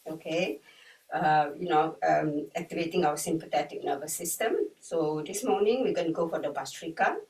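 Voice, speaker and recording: A woman guiding an online breathwork and yoga class in an unhurried, gently instructive way. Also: on the low side. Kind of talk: guided online class instruction, with chanted mantras. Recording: roomy echo, distant from the mic.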